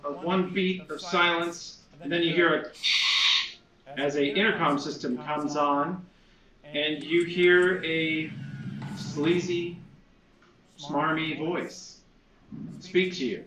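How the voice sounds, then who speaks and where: A man's voice: on the high side, steady tone, takes it slowly, pauses often, a bit bright. A man improvising narration as game master of a tabletop role-playing game. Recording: echoey room, distant mic, background chatter.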